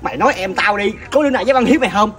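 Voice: medium pitch, lively intonation, rapid-fire, close to an everyday voice. Comedy skit: an adult as a hot-tempered older relative, Southern Vietnamese accent, exasperated and scolding. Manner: loud exasperated scolding, repeated sighing exclamations.

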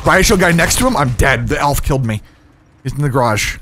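A man in competitive gaming voice chat, firing off rapid repeated callouts to his team over a headset mic. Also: medium pitch, expressive, a bit bright, no echo, soft background music. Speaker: streamer playing with friends.

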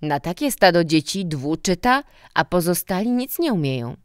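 A woman's voice: on the low side, very animated, normal speed, clear, resonant tone, no echo, studio quality, pitched above the performer's own voice. A woman reading a story voices a stern, mocking middle-aged man, a school director who scolds and lectures. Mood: scornful.

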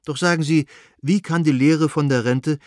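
A man's voice: a little high, steady tone, normal speed, a little mellow, no room sound, voice pushed up, close to an everyday voice. An intense young landowner, voiced by a male reader argues insistently and earnestly. The recording is dry and close, like a classic novel read aloud.

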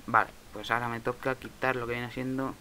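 A man's voice: mid-range voice, flat delivery, a little fast, noisy background. A young man from Spain with a Spain Spanish accent, casually commenting on his own Minecraft game, muttering and swearing at lag. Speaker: Minecraft let's player.

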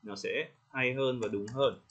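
A man coaching English pronunciation in casual spoken feedback, friendly, slowing down to demonstrate words and laughing lightly. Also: mid-range voice, fairly bright tone, slight background noise. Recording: slightly dull lo-fi audio.

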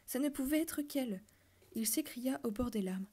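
A woman reading a children's novel aloud, telling the story softly and dropping to a whisper at tense moments. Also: sits high, expressive, normal speed. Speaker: reader.

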